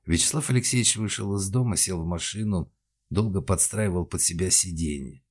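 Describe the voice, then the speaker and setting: A man narrating an audiobook in a steady, measured reading. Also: sits low, breathy edge.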